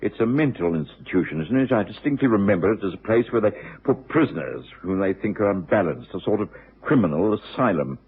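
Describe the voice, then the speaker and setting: An actor playing a genial, sensible doctor in a radio drama, with a British accent and a husky voice. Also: male voice, on the low side, animated, a little fast, full character voice. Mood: curious. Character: genial, sensible male doctor, the detective's companion. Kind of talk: radio drama acting and narration. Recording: thin, narrow-band old radio recording.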